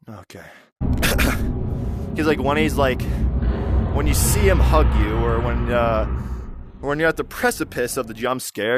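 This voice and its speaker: A man giving casual commentary while playing a VR game, exclaiming and swearing when startled and counting quietly to himself. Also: medium pitch, slight background noise. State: out of breath. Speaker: gameplay streamer.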